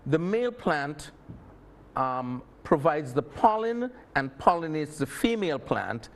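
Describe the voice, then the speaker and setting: Man, animated and higher-pitched. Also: a little slow. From Saint Kitts. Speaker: expert guest. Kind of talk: explanatory panel discussion.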